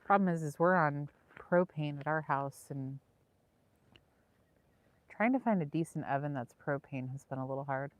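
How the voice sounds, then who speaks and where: With a low-pitched voice at normal speed and long pauses, a woman from Southern California hosts a livestream outdoors by a lake. She chats casually with her viewers in a relaxed, meandering manner.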